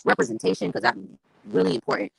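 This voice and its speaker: A panelist in an online discussion, talking fast and animatedly with many restarts over a video call whose stream is dropping and garbling the voice. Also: mid-range voice, vocal fry, husky, no echo. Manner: rapid, animated, many restarts and filler words. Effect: voice garbled and breaking up over a failing online stream.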